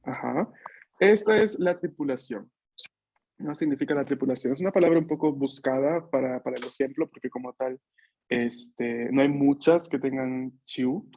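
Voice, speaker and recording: This Italian teacher for Spanish speakers has a mellow, mid-range voice and talks at normal speed. Working over a video call at home, he patiently checks on his students often and runs repeat-after-me drills.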